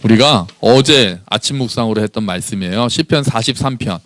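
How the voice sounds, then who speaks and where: A man's voice: medium pitch, brisk. A male pastor preaching a Sunday sermon in church, asking the congregation questions and voicing anguished prayers. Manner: animated, acts out anguished prayers with rising voice.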